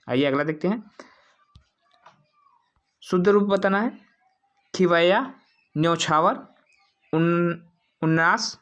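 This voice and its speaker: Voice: medium pitch, a bit bright. Repetitive exam-prep teacher quizzing viewers. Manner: repeats each spelling several times and fills with "ठीक है"; poses questions to viewers, then answers them. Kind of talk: exam-prep quiz walkthrough.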